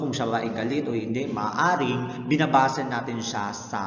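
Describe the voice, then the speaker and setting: A man's voice: mid-range voice, fairly bright tone. Man lecturing in an echoey room. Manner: explanatory, frequent "no?" tag checks; mixes English terms into explanations. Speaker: teacher. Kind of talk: recorded Filipino language lecture. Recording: roomy echo, dull lo-fi sound.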